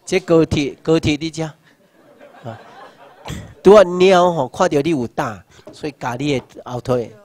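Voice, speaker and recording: A Taiwanese man in his sixties gives a rousing political lecture. He asks rhetorical questions and shouts slogans. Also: fairly high pitch, a little slow. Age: 60s. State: numb hands and feet. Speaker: seminar lecturer.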